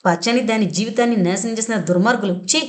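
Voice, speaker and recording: A fiery young woman snaps and scolds with biting sarcasm, as a woman reads her in an audio novel. Her lines come quick and cutting, full of contempt for the people she faces. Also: fairly high pitch, natural voice. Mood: angry. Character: fiery young woman Vijaya, quick-tempered elder sister.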